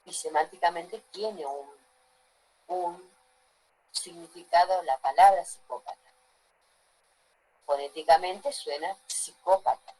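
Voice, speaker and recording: A woman's voice: on the low side, slow pace, pauses often, warm tone, a little hiss or hum, rough recording. A woman teaching a class, lecturing and often asking the students if they follow. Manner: asks the class frequent check-in questions.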